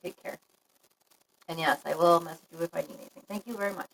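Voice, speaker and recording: A woman's voice: fairly low pitch, steady tone, quick pace, creaky, low-quality recording. Chatty woman live-streaming to viewers. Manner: chatty, frank, laughs often, talks to viewers. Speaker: livestream vlogger. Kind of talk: casual live-stream chat.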